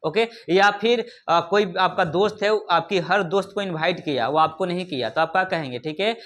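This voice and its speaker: In a classroom lesson explaining English vocabulary, a man with a high, somewhat bright voice speaks at normal speed. He keeps questioning his learners, including rhetorically, to see that they follow, addresses them familiarly, and repeats "ठीक है ना" often.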